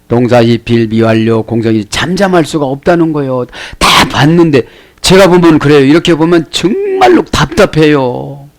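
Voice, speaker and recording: A man's voice: a little high, very animated, moderate pace. A man, a pastor giving a Bible study sermon, explaining words one by one and asking the listeners rhetorical questions.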